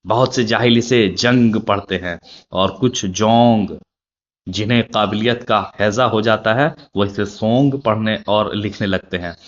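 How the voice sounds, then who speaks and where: A mock-pompous young eccentric barks out his lectures, loud and scolding, put on by a man reading a story. The voice sits low, and the recording is dull and lo-fi. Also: measured pace, close to an everyday voice. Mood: lecturing.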